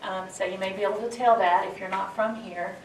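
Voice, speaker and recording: A woman's voice: medium pitch, steady tone, fairly quick, slight background noise. A woman from western North Carolina, giving a chatty, folksy talk on foraging. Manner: chatty, folksy, with restarts and laughter. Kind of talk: casual public talk. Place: event room at a library. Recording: roomy hall, distant mic, faint ambience.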